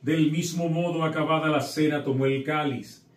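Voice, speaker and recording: A man's voice: a little high, steady tone, moderate pace. A middle-aged man, a priest, preaching with encouragement and then solemnly reciting the prayers of the Mass. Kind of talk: sermon and Mass liturgy. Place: small chapel set with altar, indoors. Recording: echoey room, voice from far off.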